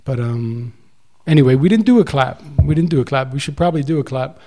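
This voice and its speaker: A man's voice: medium pitch, a little fast, dark tone. A man hosting a podcast, chatting casually over beer and rambling with restarts. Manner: rambling, restarts sentences, enthusiastic. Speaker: podcast host. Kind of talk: casual chat. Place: indoor room, drinking beer with a guest.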